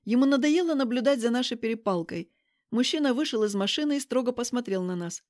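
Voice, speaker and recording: A woman narrating a first-person romance audiobook in a lively, expressive way. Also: fairly high pitch, fast, no echo, studio quality.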